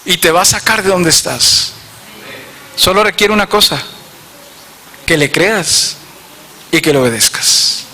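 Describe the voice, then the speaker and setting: A man's voice: high voice, measured pace, long pauses. A man with a northern Mexican accent, a pastor telling a story in a sermon and speaking straight to his congregation. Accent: northern Mexican Spanish. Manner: storytelling, animated, addresses congregation directly. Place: church hall. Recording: reverberant church hall.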